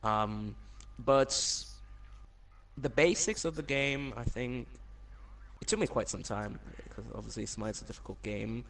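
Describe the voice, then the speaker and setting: A man's voice: mid-range voice, measured pace, vocal fry, fairly bright tone. A man chatting casually as a podcast guest, talking in an informal, anecdotal way. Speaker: podcast guest, competitive gamer. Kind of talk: casual chat.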